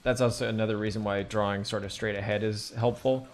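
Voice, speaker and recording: A man's voice: fairly low pitch, fairly even intonation, fast talker, slight background noise. A man teaching drawing on a live stream, thinking aloud in a rambling, casual way with many fillers.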